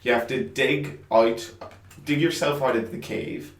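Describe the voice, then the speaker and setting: A man's voice: medium pitch, steady tone, measured pace, far from the mic, a little hiss or hum. Man slightly off-mic in an echoey room. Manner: chatty, laughs often, swears casually. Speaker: podcast co-host. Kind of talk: casual gaming chat.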